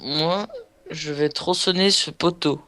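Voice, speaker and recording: A man's voice: on the high side, fairly even intonation, measured pace, pushed and bright. A man chatting as a fellow player in a multiplayer game, laughing often and swearing casually. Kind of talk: casual multiplayer gaming chat.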